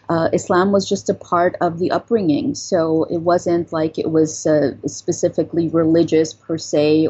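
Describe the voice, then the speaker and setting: Low, husky woman, thoughtful. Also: mellow, muffled recording. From Pakistan, raised in New York. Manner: thoughtful, measured, with frequent fillers. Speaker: guest, psychology professor. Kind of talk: interview answers.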